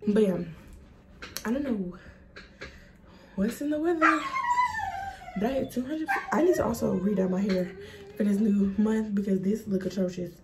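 Heavy background noise surrounds a 19-year-old woman from Michigan, USA as she vlogs at home, breathless and chatty, addressing her viewers as y'all. Her pitch is medium and her speed normal, though she pauses often.

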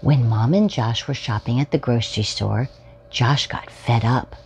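A woman in her forties with a bass voice reads aloud at a measured pace, expressively telling a children's story to young kids as a storytime host. There's background noise, and the setting is a small furnished room indoors at home.

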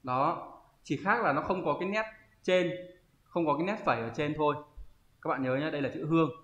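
A man teaching an online kanji lesson, often pausing and thinking aloud as he searches for the word. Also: on the high side, a bit bright. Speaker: Japanese teacher. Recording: roomy, slightly dull audio.

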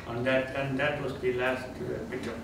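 A Tamil-accented theology professor in his sixties says farewell as he retires, in an informal lecture with Q&A that's reflective and gently self-deprecating. His voice is medium-pitched and level at a moderate pace; the camera mic is far away in a medium-sized indoor seminar room, echoey and with background noise.

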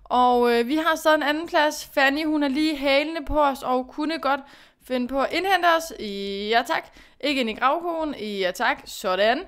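A woman's voice: high voice, a bit bright. A young woman giving casual commentary while she plays a horse racing game, talking to herself, scolding and cheering herself on. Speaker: gaming youtuber.

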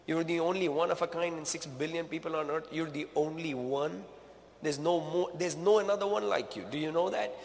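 A man giving a motivational business talk on stage, energetic and repetitive, calling the crowd "gang", in a large hall. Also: on the high side, a little fast, creaky, slight background noise.

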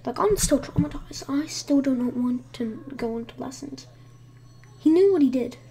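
High, mellow-voiced young woman rambling. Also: lively intonation, moderate pace, husky. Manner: rambling and profane, with many fillers. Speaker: vlogger telling a story. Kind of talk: casual storytime, at times whispered. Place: home room with someone asleep nearby.

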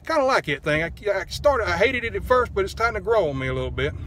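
A man's voice: sits high, sing-song, quick pace, pushed and bright, a little hiss or hum. A man, vlogging from a parked car in a rambling, joking, self-deprecating way on a phone held close. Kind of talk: casual car vlog.

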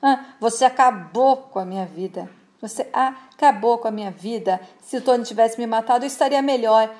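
A woman's voice: fairly high pitch, normal speed, a little mellow, lightly acted. A woman voicing a bitter, betrayed young father who confronts his lover in an accusing, indignant way.

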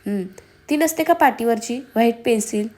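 Pouty coaxing young wife, read by a woman, storybook, slightly high voice. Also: normal speed, a little mellow, natural voice.

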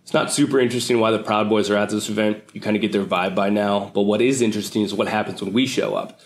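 A young man with a lowish voice, talking to the camera from a couch in a loose, wry way. Plain indoor talk without any fuss. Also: steady tone, fast talker. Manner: casual, wry. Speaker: host. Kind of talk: to-camera commentary.

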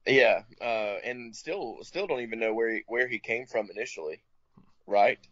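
A man's voice: mid-range voice, normal speed, a bit bright, lo-fi sound. A man from Alabama, chatting casually as a podcast co-host, easygoing and agreeable, often restarting his sentences. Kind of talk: casual chat.

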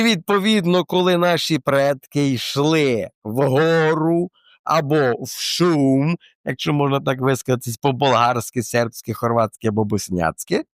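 A man's voice: on the high side, vocal fry, no echo. A man presenting a casual explanatory talk in a colloquial, playful way with slangy asides, close to the mic.

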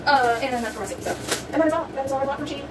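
A young woman with a South Louisiana accent talks very fast in a high voice, rambling casually through a haul video with plenty of ums. She's a vlogger at home in a small room with a table, recorded by a phone camera set back on the table, so the mic sounds distant with faint room noise.

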